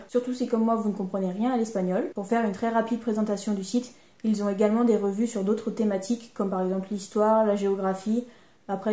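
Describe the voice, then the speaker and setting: A woman's voice: medium pitch, warm tone. Chatty French woman in an echoey room. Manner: chatty, self-mocking storytelling. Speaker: sewing vlogger. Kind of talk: casual vlog narration.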